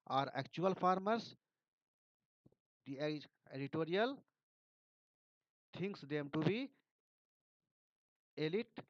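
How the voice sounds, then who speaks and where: Teacher, male, Indian English accent, slightly high voice, walks through editorials line by line, dull dry recording. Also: dry recording. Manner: reads passages aloud then explains word meanings. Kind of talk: editorial analysis lesson.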